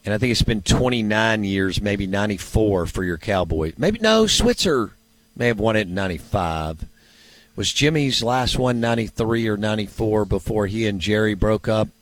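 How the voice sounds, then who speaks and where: A man's voice: lowish voice, expressive, normal speed, no echo. A man hosting a sports show, chatting casually and rambling as he thinks aloud and asks himself questions. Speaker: sports radio show host.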